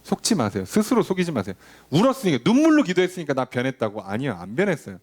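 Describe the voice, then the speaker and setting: A male pastor delivering a sermon, urging and questioning the congregation, now and then dropping to a low aside or acting out a quoted line. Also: quick pace. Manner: animated preaching, drops to a low murmur for emphasis, acts out quoted lines.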